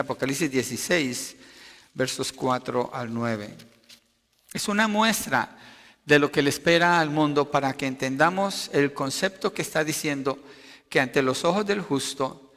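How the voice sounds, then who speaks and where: A man preaching a sermon, emphatic, rising loud for quotations and dropping low to explain. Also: big-room sound. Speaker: pastor.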